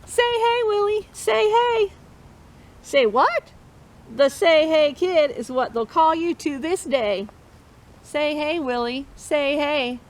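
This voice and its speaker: A woman with a high, animated voice reads a picture book aloud to children, taking her time. As storytime host, she encourages the listeners and chants along with them in an interactive read-aloud.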